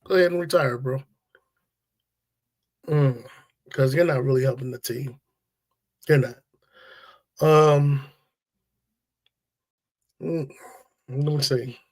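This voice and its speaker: A man hosts a casual sports talk livestream in a medium-pitched, fairly even voice. He speaks very slowly with long pauses. He is blunt and opinionated, uses slang, and talks straight to his viewers.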